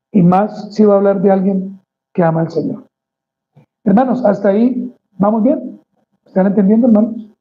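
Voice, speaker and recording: A man's voice: sits high, dull audio. A male pastor delivering a conversational sermon, addressing the congregation as brothers and acting out small quoted exchanges.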